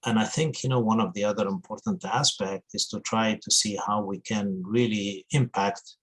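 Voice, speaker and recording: A man, a university international programs director giving hesitant webinar remarks full of filler pauses. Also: fairly low pitch, steady tone, husky, low-quality recording. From Algeria.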